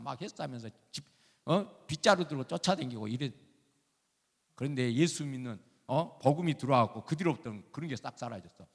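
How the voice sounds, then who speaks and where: An older emeritus pastor, his voice fairly high, gravelly and husky, preaches a folksy, emphatic sermon full of rhetorical questions. It was recorded in a church sanctuary with long hall reverb.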